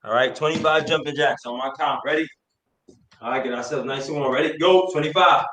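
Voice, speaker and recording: Male fitness coach, aerobics instructor delivery, higher voice, encouraging with shouted cheers, roomy sound with faint noise. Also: fairly quick. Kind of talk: aerobics instructor leading a workout, counting reps and calling out exercises. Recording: echoey room, distant mic, faint noise.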